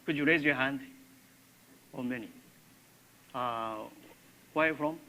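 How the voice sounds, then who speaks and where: An older man with a Japanese accent gives a university lecture in halting English, with many filler pauses. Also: medium pitch, pushed and bright, a little hiss or hum, low-quality recording. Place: lecture classroom.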